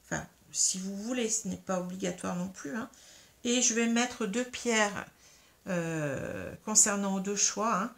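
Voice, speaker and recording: A tarot card reader guides a reading to camera in a medium-pitched, gravelly voice at a measured pace. She is patient, explaining each step, and often says "hein" and "euh".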